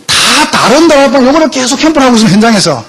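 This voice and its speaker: A man's voice: very high-pitched, big pitch swings, rapid-fire, a bit bright, husky. A male pastor preaching a sermon emphatically, often asking the congregation questions.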